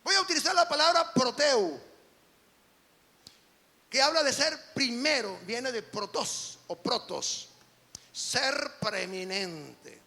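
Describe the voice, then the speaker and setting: High, gravelly preacher man in a hall. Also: lively intonation, slow pace, pauses often. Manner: emphatic preacher, swings from quiet to shouted lines. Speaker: apostle preaching. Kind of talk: sermon.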